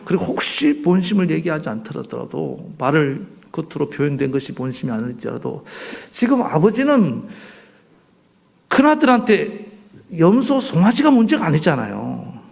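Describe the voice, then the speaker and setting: A male pastor preaching a sermon in a church, animated, asking the congregation rhetorical questions. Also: a little high, moderate pace, creaky. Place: church sanctuary.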